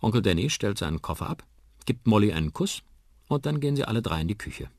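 A man narrating a children's story on the radio in an expressive, vivid way. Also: lowish voice, quick pace, no room sound, clean studio sound. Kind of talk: children's audiobook reading.

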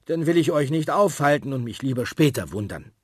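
A man voicing a relaxed, good-humored father who speaks in an easygoing, amused way. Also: medium pitch, brisk, breathy edge, no echo, clean studio sound, voice pushed up.

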